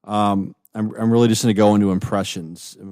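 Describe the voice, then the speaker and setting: A man's voice: lowish voice, level tone, fairly quick, a little mellow, dry recording, studio quality. A man co-hosting a film podcast in casual chat, easygoing and full of "like" and "you know". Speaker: podcast co-host.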